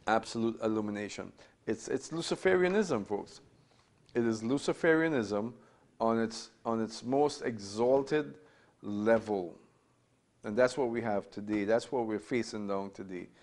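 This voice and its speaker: A man's voice: on the low side, measured pace, a little mellow. Emphatic fifties man lecturing from a lectern. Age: 50s. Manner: emphatic, repeats phrases, rhetorical questions. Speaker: Bible teacher. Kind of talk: classroom Bible lecture.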